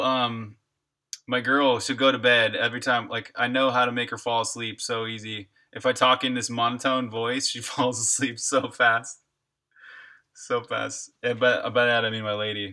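Man, bright voice, casual game dev stream chat, reads chat aloud, laughs a lot. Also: medium pitch. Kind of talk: casual live-stream chat while coding.

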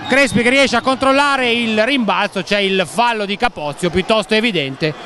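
A man's voice: high voice, normal speed. A man giving live play-by-play basketball commentary in a wordy, colourful style, as heard on a sports broadcast. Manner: wordy, colourful, rhetorical turns of phrase. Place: large indoor basketball arena, commentary position. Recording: noisy sports hall ambience. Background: clear arena noise.

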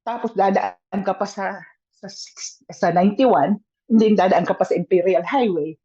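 A woman's voice: mid-range voice, normal speed, warm tone, slightly rough, lo-fi sound. An older woman telling her own story in a casual, talkative radio testimony. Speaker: guest sharing testimony.

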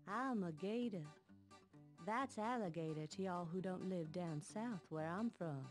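A woman's voice: fairly low pitch, a little slow, faint music behind, close to an everyday voice. A woman voicing a folksy alligator with a Southern US accent in an educational game.

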